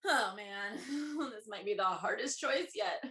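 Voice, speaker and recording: A woman's voice: mid-range voice, big pitch swings, a little slow, bright, forceful tone, full character voice. A woman playing a flippant, self-centred adventurer in improvised role-play, talking in a casual, defensive, exasperated way. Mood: torn, smug.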